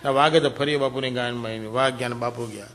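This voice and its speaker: A man's voice: medium pitch, fairly even intonation, quick pace, a bit bright, a little hiss or hum. A man telling crude adult jokes, chuckling often and acting out the lines of the people in his stories. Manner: crude, chuckling storyteller, acts out characters' quoted lines. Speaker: stand-up comedian. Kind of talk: adult joke telling to a live audience.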